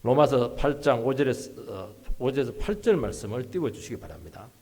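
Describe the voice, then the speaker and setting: A male pastor preaching a sermon, swinging between hushed asides and loud, emphatic rises, in a church sanctuary. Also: mid-range voice, very animated, fairly quick, vocal fry, husky.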